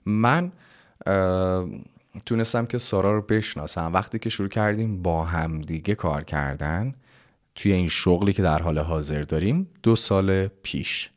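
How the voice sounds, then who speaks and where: A man with a very deep voice gives a casual English lesson. He reads the example sentences slowly, spells words out letter by letter and explains each one in a relaxed, chatty way. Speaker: English teacher.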